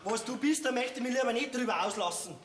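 An actor playing an unbothered, mocking rescue worker. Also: male voice, very high-pitched. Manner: unbothered, mocking, slow drawl. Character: laid-back Bavarian rescue man. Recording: echoey stage sound.

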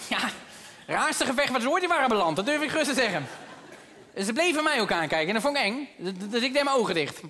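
A man performing a stand-up comedy routine, telling stories about himself with self-mocking, animated delivery. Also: very high voice, fast talker. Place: theater stage. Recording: live theater hall reverb, faint noise.

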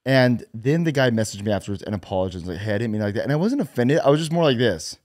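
A young man hosting a podcast in a studio, relaxed and conversational, asking questions and retelling exchanges. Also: mid-range voice, rapid-fire, no echo. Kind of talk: casual conversation. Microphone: studio boom mic with headphones.

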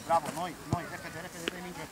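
A man coaching youth football, shouting urgent encouragement and repeating words quickly to his players in an outdoor stadium. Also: fairly high pitch, little pitch movement, recorded from a distance. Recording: outdoor camera audio with loud crowd.

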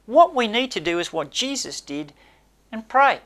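An older man preaching a sermon in a small church, emphatic and gesturing, his voice dropping low at the ends of points. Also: big pitch swings, moderate pace, fairly bright tone. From Australia. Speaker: pastor. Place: small indoor church space by a brick wall.

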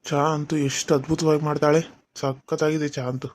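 A man's voice: fairly high pitch, flat delivery, brisk, darkish tone, close to an everyday voice. A man voicing a young husband who muses aloud to himself in a cartoon serial. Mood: musing. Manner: casual thinking aloud.

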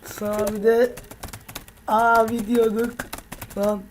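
A woman's voice: a little high, flat delivery, takes it slowly, a little hiss or hum. A woman hosting a gaming video, chatting casually with slang and frequent laughter as she teases others. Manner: laughing often, slangy and teasing.

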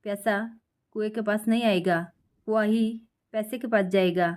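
A playful young man teases his friends in a light, joking manner, read by a woman narrator. The pitch sits in the middle. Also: fairly even intonation, a little slow, darkish tone, close to an everyday voice. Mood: teasing. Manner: teasing.

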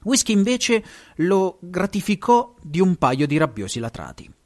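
A man's voice: high voice, unhurried. A man with an Italian accent, reading a story aloud on his show, now and then stumbling and correcting himself. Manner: lively, stumbles and corrects himself, chuckles at asides. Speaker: podcast host and story reader.

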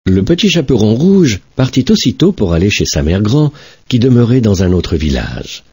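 Expressive husky male storyteller. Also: on the low side, normal speed, no echo, clean studio sound. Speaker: narrator. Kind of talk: storybook reading of a classic tale.

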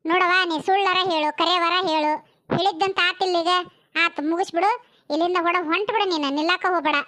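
A woman playing a blunt, sharp-tongued village housewife, talking in a rustic North Karnataka Kannada accent. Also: very high-pitched, steady tone. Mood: harsh. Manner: blunt, rapid rustic talk. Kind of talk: comic village family drama.

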